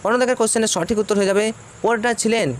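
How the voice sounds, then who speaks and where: A man's voice: sits high, fairly even intonation, rapid-fire, a little hiss or hum. A man, teaching by reading out exam questions and repeating each answer.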